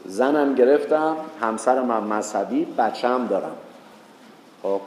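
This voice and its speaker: A man giving a religious talk, telling a story and acting out the people in it with rising pitch. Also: lively intonation, a little mellow, a little hiss or hum. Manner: storytelling, acts out quoted voices with rising pitch. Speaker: religious teacher. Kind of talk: sermon with a told story. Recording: echoey hall with long reverb.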